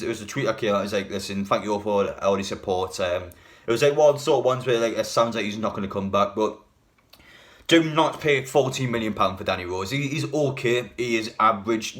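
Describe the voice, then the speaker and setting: A man, a bit hungover, giving a casual, blunt and rambling opinionated talk as a football fan video host. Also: medium pitch.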